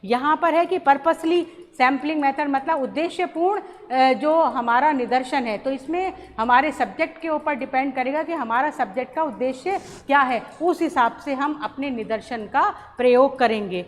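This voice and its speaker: High-voiced woman lecturing in an echoey hall. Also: a little hiss or hum. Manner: explains slowly with many pauses and restarts. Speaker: college lecturer. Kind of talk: recorded lecture. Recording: roomy hall echo, faint ambience.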